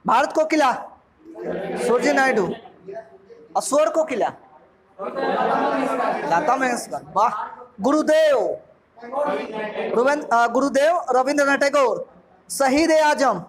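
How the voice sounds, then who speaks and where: A coaching teacher from Bihar, India, with a Bihari accent, teases and quizzes his students during a jokey revision session. His very high, animated voice moves slowly and pauses often. Crowd noise from the packed classroom runs through the recording.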